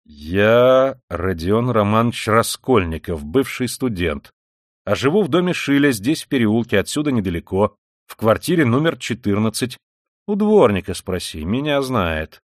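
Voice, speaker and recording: A man reading the part of a brooding young former student in an audiobook, talking lazily and absently with quiet mockery. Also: lowish voice, very animated, normal speed, dry recording, studio quality. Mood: listless. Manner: lazy, absent, quietly mocking. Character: brooding young male ex-student, listless and detached.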